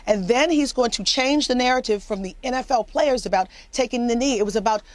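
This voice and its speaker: A woman's voice: a little high, fairly quick, no echo. A woman commenting on a TV news panel in an earnest way, repeating words as she builds her argument.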